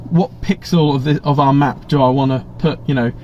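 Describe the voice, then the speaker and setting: An English man hosts a casual live stream Q&A, reading viewer chat in a chatty, rambling way full of blunt asides and frequent restarts. His mid-range voice is steady and a little mellow, running slightly fast. The webcam audio is a bit muffled, with slight background noise.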